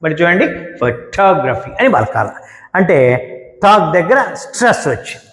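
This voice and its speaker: A man teaching English word stress, explaining slowly and repeating each example word. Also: high voice, big pitch swings, a bit bright. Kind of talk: spoken grammar lesson. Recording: echoey room with long reverb.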